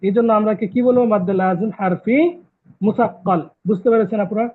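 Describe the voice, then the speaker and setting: A man's voice: high voice, steady tone, fast talker. A man teaching Quran recitation rules in an online lesson, patiently repeating terms and quizzing his students. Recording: tinny phone-like call audio.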